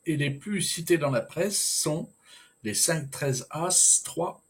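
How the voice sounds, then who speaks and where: A man's voice: fairly high pitch, animated, takes it slowly. A man giving a solo horse racing preview, talking in a hesitant, chatty way with frequent filler sounds and restarts. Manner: informal, chatty asides.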